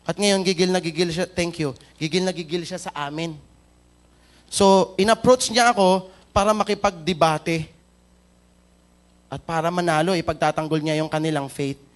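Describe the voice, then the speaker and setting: During a church sermon, a Filipino pastor narrates a story and asks his listeners questions in a mix of Tagalog and English. His voice sits on the high side, with a steady tone and normal speed.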